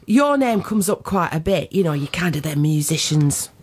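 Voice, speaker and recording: A woman's voice: low voice, animated, normal speed, a little mellow, slightly rough. A woman hosting a casual radio interview in a studio, chatty, enthusiastic and teasing. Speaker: radio host.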